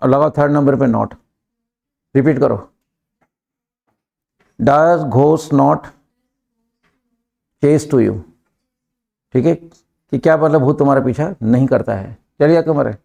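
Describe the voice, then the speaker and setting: A man with an Indian accent teaching a live English class, drilling students and pushing them to answer quickly. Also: on the high side, gravelly, a little mellow.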